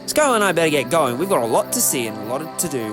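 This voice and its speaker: An eccentric time traveller acted by a man in a fan audio drama, chatty and whimsical. The pitch leaps about in a very animated, theatrical way, with prominent music underneath. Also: fast. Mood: courteous. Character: eccentric, excitable male time-travelling adventurer, talkative and whimsical.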